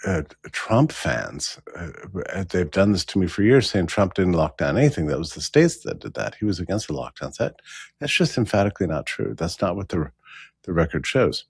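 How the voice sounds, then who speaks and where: A man's voice: low voice, big pitch swings, moderate pace, husky, no echo, clean studio sound. A man hosting a show, retelling a past event in a musing, questioning way, wondering aloud. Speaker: show host.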